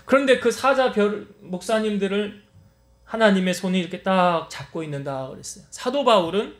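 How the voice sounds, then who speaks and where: Echoey, high-voiced Korean preacher man. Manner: storytelling preacher acting out quoted lines. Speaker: pastor. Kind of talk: sermon. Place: church sanctuary. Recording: echoey church hall.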